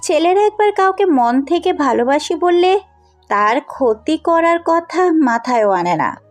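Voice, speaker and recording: In a Bengali audio story, a woman plays the daughter, a headstrong, compassionate young woman and outspoken businesswoman who is blunt yet caring. Her animated high voice is unhurried but insistent, with music playing underneath.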